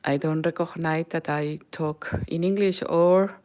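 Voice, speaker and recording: A middle-aged Peruvian woman, a native Spanish speaker with a Spanish accent, hosts a live crochet tutorial in careful non-native English that often sinks to a near whisper. Her voice is deep and a little mellow, with fairly even intonation and a measured pace.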